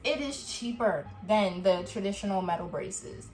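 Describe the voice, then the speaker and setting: A young woman chatting to camera in a casual review vlog, animated and quick to laugh, acting out what people said to her. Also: medium pitch, faint music behind. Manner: chatty and animated, laughs often, acts out quoted dialogue. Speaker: vlogger.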